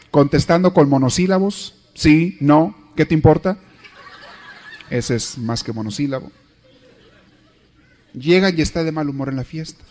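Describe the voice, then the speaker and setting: Guy teaching a marriage class, jokes a lot, acts out little scenes, kinda high voice for a man. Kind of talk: lively lecture.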